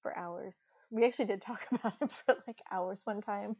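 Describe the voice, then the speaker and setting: A woman's voice: mid-range voice, moderate pace, crowd noise. A woman co-hosting a casual travel podcast, chatty and giggly, with lots of fillers. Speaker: podcast co-host.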